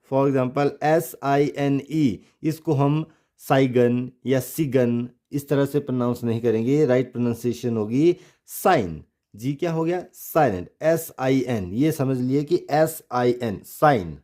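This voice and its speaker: A man's voice: medium pitch, warm tone. A man teaching pronunciation step by step. He spells words out letter by letter and asks questions that he then answers himself. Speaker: English teacher.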